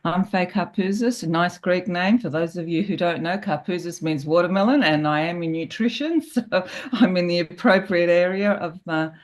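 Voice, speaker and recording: A woman's voice: lowish voice, moderate pace, hardly any pauses. A woman, a nutrition researcher, introducing herself cheerfully with light humor on a video call.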